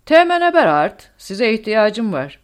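A woman's voice: medium pitch, very animated, a little fast, darkish tone, pitched above the performer's own voice, close to an everyday voice. A woman voicing a stern, commanding male German colonel who barks orders. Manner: barking orders.

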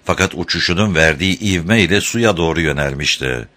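A man narrating an audiobook chapter in an expressive, dramatic reading style. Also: sits low, fairly quick. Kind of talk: scripted narration.

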